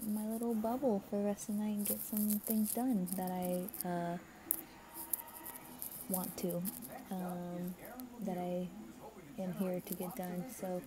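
A young woman talking quietly and half-whispering late at night in a shared bedroom, rambling with many fillers as she hosts a spiritual reading. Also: mid-range voice, noisy background. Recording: TV chatter in the background. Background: television playing.

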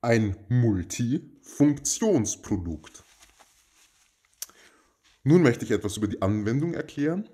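A man makes a mock-formal giveaway announcement as host, speaking in a pompous, stilted and deadpan manner. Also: medium pitch, slow, pauses often. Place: indoors in a home.

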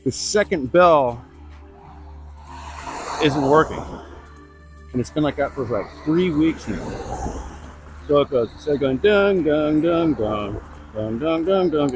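Middle-aged guy rambling on a walk outside, clip-on mic, some soft music in the back. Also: a little high, low-quality recording. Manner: rambling, chatty, blunt asides. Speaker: vlogger. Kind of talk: casual walk-and-talk vlog. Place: outdoors on suburban streets. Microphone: lavalier mic.

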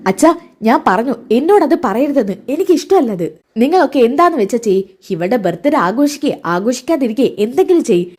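A scornful young woman snaps her retorts in a raised, quick voice, as a woman storyteller puts her on. She sounds cold and impatient. The voice sits high, and the lines tumble out fast. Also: very animated, a little mellow, slightly rough, full character voice. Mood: angry.

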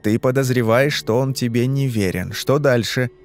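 A man's voice: mid-range voice, moderate pace, faint music behind, natural voice. A man doing a curt, demanding hypnotist. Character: stern bearded male hypnotist investigator. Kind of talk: audiobook reading.

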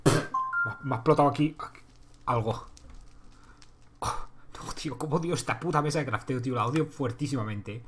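A gamer from Spain livestreams his play in a mid-range voice, talking fairly quickly but with long pauses against a noisy background of keyboard typing and clicks. He chats casually to himself and his viewers and swears freely along the way.

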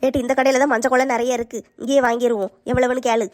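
A woman with a southern Tamil accent playing a brisk, haggling aunt in a family skit. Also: fairly high pitch, level tone, over music. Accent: southern Tamil Nadu. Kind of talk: family comedy skit acting.

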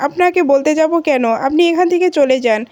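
A woman voicing a gang of bullying young male thugs in her own high, quick retelling voice. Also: a little mellow, dry recording, close to an everyday voice. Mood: threatening.

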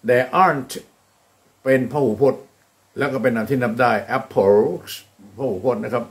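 Upbeat Thai-accented English teacher. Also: male voice, mid-range voice. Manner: slow, deliberate modeling of English phrases, then quick Thai explanations; upbeat and encouraging, often praising the students. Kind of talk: classroom-style English drill.

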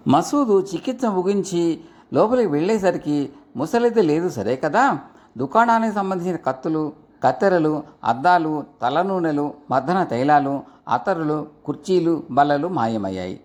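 A male storyteller reading a folk tale aloud, his voice slightly high and full of animated rises and falls. The delivery is expressive, pulling the listener along. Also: normal speed. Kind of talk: storybook narration.

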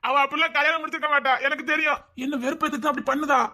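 Tirunelveli Tamil accent, actor playing a sulky defensive young man, rapid talk, piercing bright tone. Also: extremely high pitch, flat delivery, full character voice. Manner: whiny, defensive. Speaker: comedy sketch actor. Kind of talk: comic sketch banter.

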